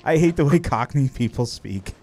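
A man's voice: medium pitch, lively intonation, moderate pace, mellow, slight background noise. A man streaming and chatting casually, rambling and swearing offhandedly. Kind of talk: casual chat.

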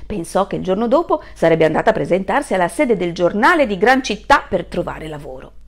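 Animated, gravelly woman reading a story. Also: lowish voice, brisk. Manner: expressive, animated.

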